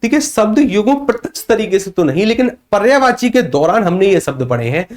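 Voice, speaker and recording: Speaking fairly quickly, this Hindi teacher running a live online class has a high-pitched, expressive voice with a darkish tone. He reads chat comments aloud, addresses students as sir, and answers his own questions.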